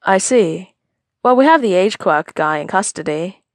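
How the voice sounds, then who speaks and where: A woman voicing a calm young man with a dry, sardonic way of talking. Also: mid-range voice, unhurried, no room sound.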